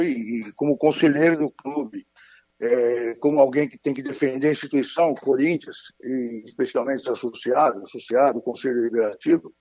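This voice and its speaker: A man's voice: medium pitch, darkish tone, dry recording. A man speaking formally as a radio guest over a choppy phone line that keeps breaking up, with frequent hesitations. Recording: muffled dry phone call.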